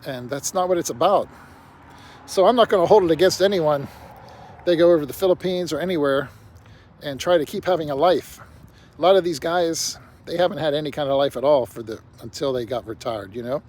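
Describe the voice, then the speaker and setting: A man's voice: on the high side, a little fast, darkish tone. An older man talking bluntly to camera in a rambling casual monologue, peppered with "you know". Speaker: vlogger. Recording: faint outdoor traffic noise.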